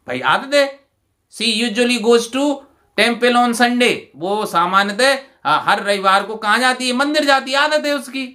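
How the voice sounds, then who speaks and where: A man teaching a grammar lesson for an exam paper, explaining step by step with many rhetorical questions and reading example sentences slowly and deliberately. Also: sits high, bright, forceful tone. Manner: addresses students as "bhai". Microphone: voice-over while writing on a tablet.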